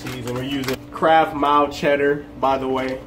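A man's voice: little pitch movement, moderate pace. A man chatting playfully in a home kitchen while he cooks, jokey and upbeat. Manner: playful, jokey, with sudden high exclamations. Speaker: co-host, cooking learner. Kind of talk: casual cooking chat.

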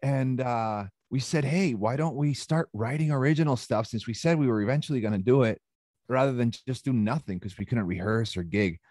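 Chilean-born rock singer, easygoing. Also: male voice, medium pitch, fairly quick, no room sound, clean studio sound. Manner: relaxed, laughs often, many fillers. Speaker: band frontman, guest. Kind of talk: casual interview chat.

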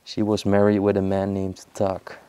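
A young man narrating an exploration vlog in an abandoned house, curious and hushed as he handles old objects. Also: deep voice, monotone, normal speed, slight background noise. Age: young adult. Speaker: urban explorer.

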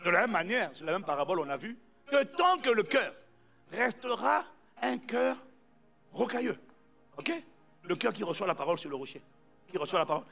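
Male preacher, very high voice, bright and forceful, exclamatory sermon delivery, faint music behind. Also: very animated, a little fast, vocal fry. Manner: exclamatory, shouting emphasis, addressing the congregation.

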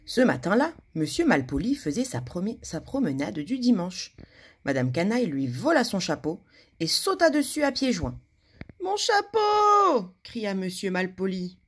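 A kindergarten teacher reading a storybook aloud to children, animated and dropping to hushed asides. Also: female voice, lowish voice, moderate pace, breathy edge.

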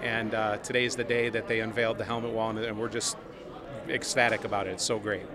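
A man in his forties, a high school coach and teacher, giving an on-camera interview in an earnest, rambling way full of fillers. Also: level tone, brisk. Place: outdoor stadium plaza with crowd around. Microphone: lapel mic. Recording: crowd noise behind.

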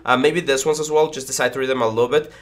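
In a foam-panelled home studio, a slightly congested man in his thirties teaches 3D modelling through a casual, rambling tutorial thick with fillers and stammers. He talks rapid-fire in a steady, mid-range voice. His headset boom mic captures it.

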